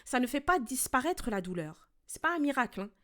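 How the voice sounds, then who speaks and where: A woman hosting a relationship podcast, talking calmly and directly to the listener as a coach in a scripted monologue. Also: high-pitched, brisk.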